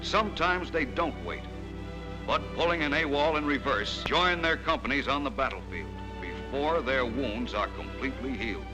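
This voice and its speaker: A man narrating an old newsreel, with the solemn, emphatic delivery of 1940s wartime screen journalism. His voice sits at an ordinary middle pitch and carries a declamatory weight. A loud orchestral score plays beneath him throughout. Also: animated, normal speed, over music.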